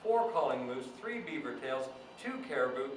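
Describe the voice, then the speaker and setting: With big pitch swings at normal speed, this man's natural, medium-pitched voice plays a jolly, playful Santa hosting storytime for kids, reading books and chatting between pages. The distant mic picks up a very echoey indoor room and faint noise.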